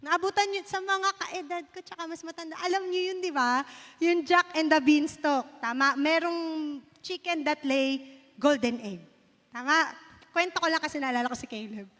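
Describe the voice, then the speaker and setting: High-voiced Filipino woman preaching in a hall. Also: normal speed, a bit bright. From Philippines. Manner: storytelling, mixing Filipino and English, asks the congregation "di ba?". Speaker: pastor. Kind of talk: sermon. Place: church sanctuary. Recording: long reverb of a hall.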